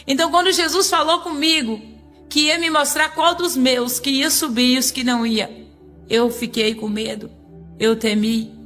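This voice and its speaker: A woman's voice: sits high, pushed and bright. A woman preacher telling an emotional, pleading testimony sermon.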